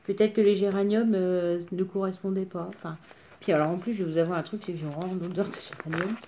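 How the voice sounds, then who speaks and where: Woman, smoker's rasp, mellow tone, casual craft tutorial, rambling and self-deprecating, faint background noise. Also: on the low side, fairly even intonation, fast talker. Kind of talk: casual unscripted craft demonstration.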